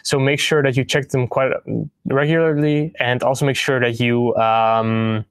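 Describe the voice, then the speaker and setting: Young male host, mid-pitched, halting delivery full of fillers, dry close sound. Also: little pitch movement, smooth, no echo. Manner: hesitant, frequent ums and restarts. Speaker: host of a partner news livestream. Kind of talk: presenting product updates to camera.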